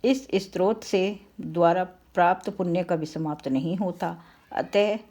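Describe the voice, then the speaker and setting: A woman reciting devotional scripture in a slow, solemn, invocatory way, with repeated refrains and occasional self-corrections. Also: on the low side, dark tone.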